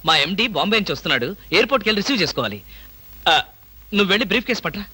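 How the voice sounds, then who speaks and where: A man's voice: sits high, big pitch swings, rapid-fire, sharp tone, breathy edge, exaggerated voice. A tense, hounded man. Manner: tense, defensive. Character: nervous man hounded by a blackmailer. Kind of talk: film thriller dialogue.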